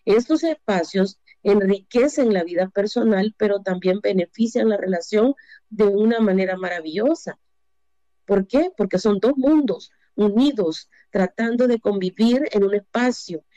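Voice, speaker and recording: Salvadoran woman in her fifties, counsels on relationships, asks and answers her own questions, warm voice, dry room. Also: medium pitch, measured pace, no echo. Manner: asks rhetorical questions and answers them, hesitant fillers. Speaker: relationship speaker. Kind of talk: relationship advice talk. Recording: dull lo-fi dry recording.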